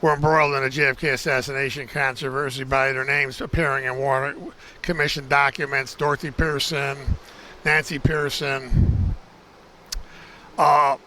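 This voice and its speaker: A man speaks to his viewers on a walk across a college campus, bright and forceful in tone and sitting in the middle of the male range. He rambles, corrects himself and speaks to the audience as folks. Faint outdoor street noise and the odd passing vehicle sit under his handheld camera audio. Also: mid-range voice, little pitch movement, moderate pace, low-quality recording. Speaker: video tour guide. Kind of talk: casual walking-tour vlog.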